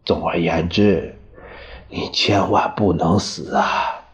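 A man's voice: sits low, fairly even intonation, slow. A man voicing an older male friend who pleads and consoles earnestly. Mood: pleading. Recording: dull lo-fi audio.

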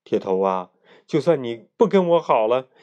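A man voicing a cheeky schoolboy who is quick to sulk, in a read-aloud children's story, in a bright, childish storybook voice. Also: mid-range voice, sing-song, dull audio, lightly acted. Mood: sulky.

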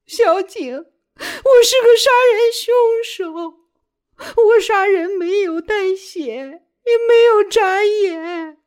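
A woman's voice: extremely high pitch, lively intonation, takes it slowly, a little mellow, voice pushed up, full character voice. A woman voicing a defiant, newly widowed woman who speaks sharply and bitterly. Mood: wailing.

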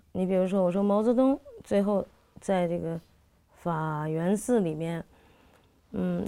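Low-pitched woman director with a gravelly edge, animated and conversational, often restarts mid-sentence. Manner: animated retelling with frequent restarts and fillers. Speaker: theatre director and playwright. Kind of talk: conversational storytelling about her work.

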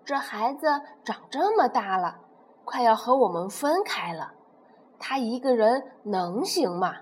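A woman voicing a firm, caring pterosaur father in a children's storybook reading, in a lower, instructive tone. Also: very animated, measured pace, a little hiss or hum. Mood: worried.

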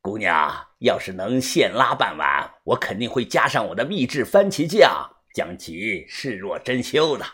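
A storyteller voicing a cocky, crude male martial arts master who drawls slowly and mockingly. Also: mid-range voice, big pitch swings, a bit bright, breathy edge, pitched below the performer's own voice, full character voice. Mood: sly.

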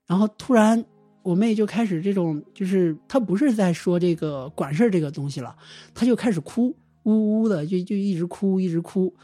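A man casually retelling a strange family experience as a guest storyteller, in a loose, halting way with frequent restarts. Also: high voice, mellow, no room sound. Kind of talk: casual spoken storytelling of a real ghost experience.

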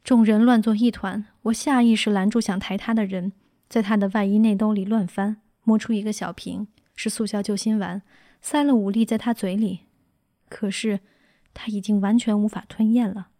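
A woman reading her memoir aloud in a calm, subdued, reflective way. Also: mid-range voice, normal speed, no echo, studio quality. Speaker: narrator.

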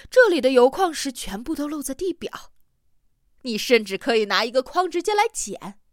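A woman's voice: medium pitch, animated, normal speed, no room sound, studio quality, lightly acted. A woman reading an audiobook, voicing an eager male geologist who talks in a confident, gleeful way.

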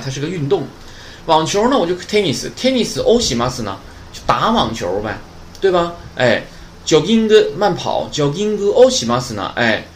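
With a mid-range voice and slight background noise, a native Chinese-speaking man teaches a Japanese grammar lesson in Chinese. He quotes Japanese words and sentences and checks in with students often, repeatedly saying "对吧" and "哎".

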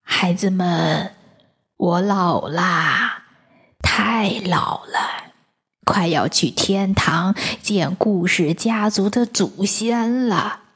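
A woman voicing a gentle, weary old grandfather storyteller with a slow, sighing delivery. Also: fairly low pitch, breathy edge, full character voice. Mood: sorrowful.

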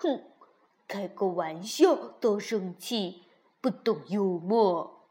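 A woman's voice: sits high, lively intonation, extremely slow, mellow, full character voice. A woman voicing a cheeky male frog who talks in a teasing, playful, sing-song way.

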